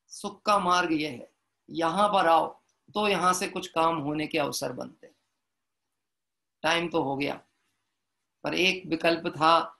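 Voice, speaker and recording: A man preaches a devotional sermon in a high, ringing voice. He mixes plain storytelling with slow, chanted verses and keeps asking the listeners rhetorical questions. His tone stays bright and clear throughout. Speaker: Jain preacher.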